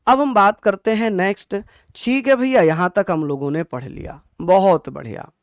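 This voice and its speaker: In clean, echo-free studio sound, a male teacher with a high voice delivers an online exam-prep lecture at a moderate pace. He repeats key points, asks questions he then answers, and calls his students "bhaiya."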